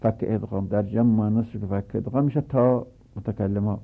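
A man with a gravelly, husky voice teaches a grammar lesson, running through verb conjugations one form after another. The audio is thin and phone-like. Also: fairly low pitch, steady tone. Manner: recites verb forms in rapid lists.

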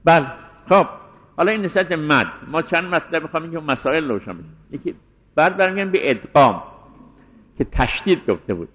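A man giving a deliberate scholarly lecture as a seminary teacher, explaining and restating his points. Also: fairly high pitch, expressive, fairly bright tone, husky. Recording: dull lo-fi recording in a reverberant hall.

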